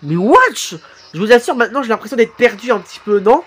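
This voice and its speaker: A man commenting live on videos his subscribers made, excitable and quick to exclaim and swear. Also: very high-pitched, faint music behind. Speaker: YouTuber reacting to fan animations.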